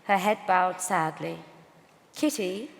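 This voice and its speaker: A woman reading novel narration aloud at a live event, calm and measured. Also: fairly low pitch, creaky. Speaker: reader. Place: large event hall on stage. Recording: hall reverb.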